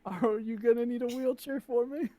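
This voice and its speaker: A man with a fairly high voice plays his character in a tabletop game. He makes sardonic, self-mocking jokes. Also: steady tone, moderate pace, mellow, a little hiss or hum. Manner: joking, sardonic. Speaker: player.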